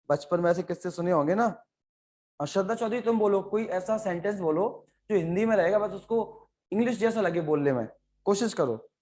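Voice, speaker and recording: High-voiced Indian man teaching biology online. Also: darkish tone. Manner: explains in Hindi mixed with English terms, calls on students by name. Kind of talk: online class lecture. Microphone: online class setup.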